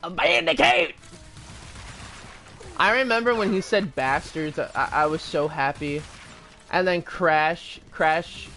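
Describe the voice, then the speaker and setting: Slow, rambling gaming streamer. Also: medium pitch, a bit bright, soft background music. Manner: rambling, chatty, trails into tangents and restarts. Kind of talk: casual live-stream commentary.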